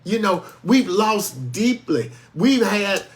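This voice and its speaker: Higher-voiced man, pastor co-host. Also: big pitch swings, takes it slowly. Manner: repeats phrases for emphasis. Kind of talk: informal reflective talk.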